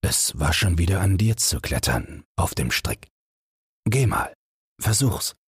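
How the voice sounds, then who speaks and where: A man voicing an earnest, caring young schoolboy cadet in a softly urging tone, close to his own reading voice. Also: low voice, very animated, measured pace, husky, no echo, exaggerated voice.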